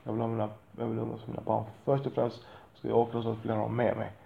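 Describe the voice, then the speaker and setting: A man's voice: medium pitch, completely flat delivery, gravelly, roomy sound, lo-fi sound, a little hiss or hum. A man talking frankly about being a father, in a blunt, profane and rambling way with self-deprecating asides. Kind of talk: candid monologue.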